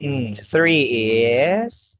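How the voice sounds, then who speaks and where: A woman with a Filipino accent teaching English online to a young child. She speaks slowly and clearly, coaxing the child along and praising every answer. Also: rumbling low, animated, highs cut off. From Philippines. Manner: slow, clear, cheerful coaxing with frequent praise.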